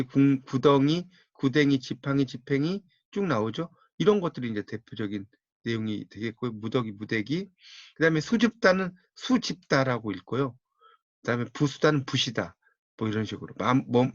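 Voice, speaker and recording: A man's voice: mid-range voice, no room sound. A man giving a classroom lecture, steadily talking students through a textbook page by page and telling them what to circle and underline. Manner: steady instructive pace, tells students to mark the textbook. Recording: dull, muffled dry audio.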